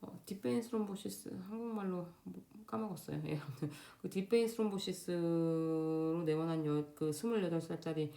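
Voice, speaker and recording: A young woman talking casually to camera at home, quick and loose with many fillers and restarts. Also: fairly low pitch, fairly even intonation, gravelly, mellow. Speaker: Korean doctor in Germany giving exam advice. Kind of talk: casual unscripted vlog talk. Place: home, indoors. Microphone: camera facing speaker.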